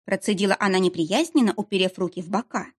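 A woman narrating a first-person audiobook in an expressive storytelling manner. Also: medium pitch, quick pace, breathy edge.

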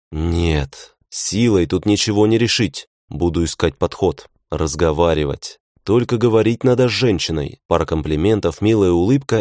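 A young man reads a first-person fantasy audiobook in a low voice. His delivery is tense and wry, like an inner monologue. The sound is dry and close. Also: darkish tone, no room sound. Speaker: audiobook narrator.

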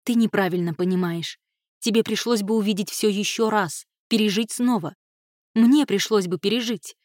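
A woman's voice: medium pitch, normal speed, a little mellow, dry recording, studio quality, close to an everyday voice. A woman reading an audiobook, voicing a stern aunt who answers firmly and snaps when pushed. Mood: firm, harsh. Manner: firm, defensive, snapping. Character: stern aunt, guarded and quick-tempered.

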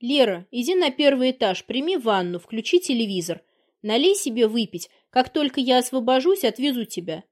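A woman's voice: a little high, big pitch swings, normal speed, darkish tone. Smug cynical guy, cool and offhand, woman reader doing him. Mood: calm.

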